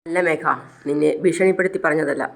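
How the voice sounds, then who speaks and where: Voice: mid-range voice, fairly even intonation, brisk, gravelly, lightly acted. A storyteller voicing a stern, wealthy middle-aged father who warns his daughter. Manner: stern, warning.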